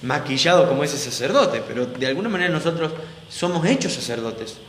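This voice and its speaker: A man's voice: on the high side, expressive, a little fast, fairly bright tone. A man with an Argentine accent preaching a sermon in a church, emphatic, repeating words for stress and putting questions to the congregation. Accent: Argentine Spanish. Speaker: pastor. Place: church hall. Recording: echoey church hall with long reverb, faint noise.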